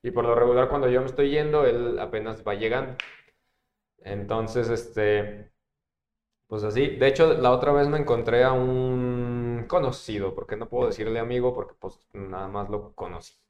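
A young Mexican man hosts a casual podcast, drifting through long anecdotes peppered with street slang. His voice sits at an ordinary middle pitch. The room around him rings with a noticeable echo. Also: fairly even intonation, normal speed, dull audio, a little hiss or hum. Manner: slangy, rambling storyteller. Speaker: podcast host. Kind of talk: casual chat. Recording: echoey room.

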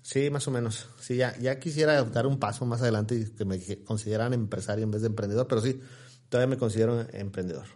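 As a guest in a relaxed interview, a man in his 40s from Tamaulipas, Mexico, rambles through stories with lots of fillers and restarts. His medium-pitched, darkish voice moves quickly with fairly even intonation.

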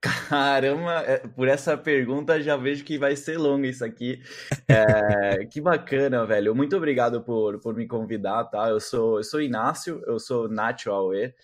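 A man's voice: medium pitch, normal speed. A man from Argentina in his thirties, a native Spanish speaker, chatting casually as an interview guest, full of slang and repeated fillers. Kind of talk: casual chat.

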